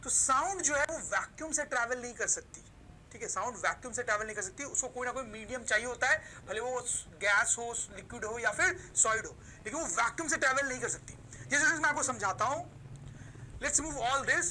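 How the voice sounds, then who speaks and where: Woman teacher, lecture to camera, piercing bright tone, rhetorical questions to "students". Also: mid-range voice, lively intonation, slight background noise, low-quality recording. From Pakistan. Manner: explains slowly, poses questions and answers them herself; addresses the listeners as "students" almost every sentence. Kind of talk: recorded video lecture.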